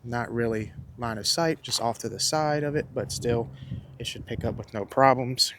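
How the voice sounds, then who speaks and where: A man chats casually outdoors into a wireless lapel mic, his voice passing through noise reduction processing that thins it and tugs at the wind and traffic around him. He rambles in a friendly way and second-guesses his own words. His voice sits at an ordinary middle pitch. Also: normal speed, a bit bright. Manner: chatty and self-correcting, often second-guessing his own terms. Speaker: wedding videographer reviewing a wireless mic. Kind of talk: casual product review vlog. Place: outdoors near a road, with wind.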